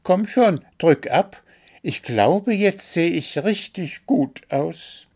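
A man's voice: sits high, lively intonation, takes it slowly, mellow, husky, pitched above the performer's own voice, heavily acted. A man voicing a vain little male bird in a storybook, chirpy and self-satisfied. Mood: vain, eager. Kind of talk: storybook character voice.

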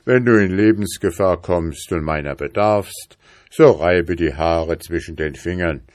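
A man doing a gentle, kindly bear. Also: low voice, a little slow, dry recording, clean studio sound. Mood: reassuring. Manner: friendly, reassuring.

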